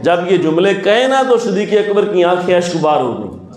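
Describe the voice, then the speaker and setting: A high-pitched male preacher tells a story in sermon style, acting out the dialogue and building to rousing, repeated lines. His voice rings through a reverberant hall. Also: sing-song, darkish tone. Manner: impassioned, acts out dialogue, builds to rousing repetition. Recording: echoey hall sound.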